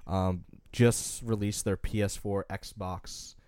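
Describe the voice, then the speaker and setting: A man's voice: lowish voice, fairly even intonation, slow, darkish tone, clear, resonant tone, no echo, clean studio sound. A man co-hosting a gaming podcast, chatting casually with frequent restarts and offhand swearing. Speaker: podcast co-host. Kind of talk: casual chat.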